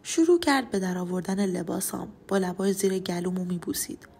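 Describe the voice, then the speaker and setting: A woman's voice: on the low side, lively intonation, creaky, a little mellow, a little hiss or hum. A woman narrating a first-person true-life audio story in an intimate, emotional way.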